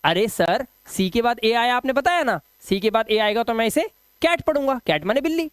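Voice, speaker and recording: A man's voice: very high voice, lively intonation, moderate pace, clear, resonant tone, no room sound, clean studio sound. Eager young student, as a male teacher puts him on.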